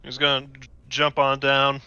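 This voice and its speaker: Very bright-voiced man playing a tabletop game. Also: medium pitch, monotone, moderate pace, clean tone, no echo, dull audio. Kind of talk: casual play, narrating character's actions.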